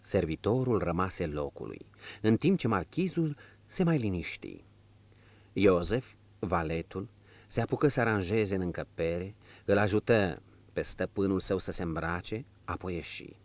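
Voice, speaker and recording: Low-voiced man reading an audiobook. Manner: dramatic, expressive reading. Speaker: audiobook narrator. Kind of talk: scripted narration. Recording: dull dry lo-fi audio.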